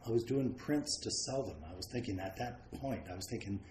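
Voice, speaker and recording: A man raised around the United States, a painter guest, telling frank, self-deprecating stories about his life in a relaxed way. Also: on the low side, fairly quick, a little hiss or hum. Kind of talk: relaxed anecdotal storytelling. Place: large home studio. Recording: roomy studio with faint ambience.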